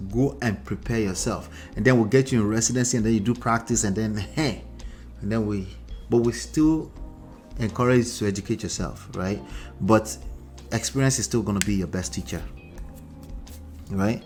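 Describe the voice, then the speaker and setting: A Nigerian-accented man whose first language is the Akure dialect hosts a relationship livestream as a coach, reading viewer comments aloud and repeating his points with animated emphasis. His voice sits fairly low and moves at a moderate pace, with faint music in the background.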